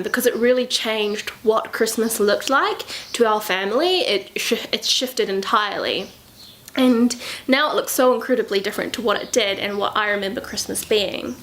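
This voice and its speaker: A woman's voice: on the high side, fairly bright tone, slight background noise, poor audio. A young woman talking casually and reflectively to the camera in a lifestyle vlog, with many fillers and self-corrections. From Southern Hemisphere. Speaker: lifestyle vlogger.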